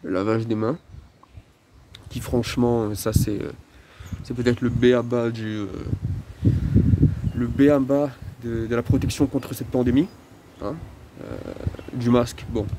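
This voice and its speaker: Casual male vlogger, mid-pitched, masked, hesitant and drily grumbling, recorded at a noisy roadside with loud vehicles. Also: fairly even intonation. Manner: halting, hesitant, wry grumbling with mild swearing. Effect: speaking through a face mask. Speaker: video creator talking to followers. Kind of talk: casual rambling solo vlog. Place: outdoors by a roadside bus stop. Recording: loud outdoor street and vehicle noise.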